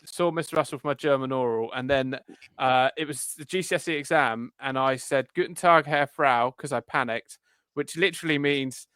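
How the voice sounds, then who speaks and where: A man's voice: medium pitch, fairly quick, fairly bright tone, smooth, no echo. A man hosting a casual podcast chat, telling self-mocking stories. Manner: self-mocking anecdotal storytelling. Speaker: podcast host and editor.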